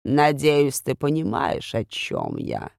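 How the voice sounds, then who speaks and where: A woman voicing an unseen old female seer whose disembodied voice speaks slowly and cryptically from the darkness, a little hoarse. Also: a bass voice, wildly swooping pitch, a little mellow, no room sound, clean studio sound, exaggerated voice. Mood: cryptic. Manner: slow, cryptic, speaks in riddles. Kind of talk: audiobook character voice.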